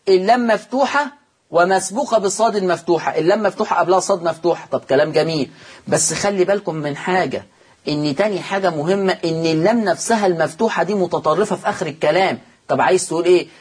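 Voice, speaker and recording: Husky Egyptian teacher explaining slowly. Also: male voice, high-pitched. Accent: Egyptian Arabic. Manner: explains patiently, repeats words slowly to stress them. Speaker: Quran recitation teacher. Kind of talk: televised religious lesson.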